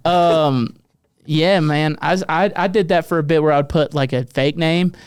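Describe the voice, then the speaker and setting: A man's voice: on the high side, steady tone, normal speed, clean tone, no room sound, studio quality. A man hosting a podcast in casual chat, with joking, crude banter. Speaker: podcast host.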